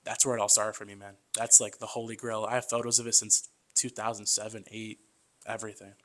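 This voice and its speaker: A man's voice: fairly low pitch, fast. A man in his twenties in a casual podcast conversation as the guest, chatty and loose, often calling the host "man" and acting out voices as he tells stories. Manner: lively storyteller who acts out quoted voices.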